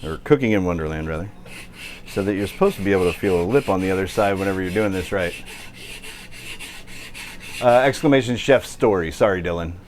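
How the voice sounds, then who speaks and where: A man's voice: low-pitched, animated, brisk, long pauses, slight background noise. An American man hosting a casual cooking livestream, chatty and joking as he answers viewers while he works in his kitchen. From United States. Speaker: cooking show host.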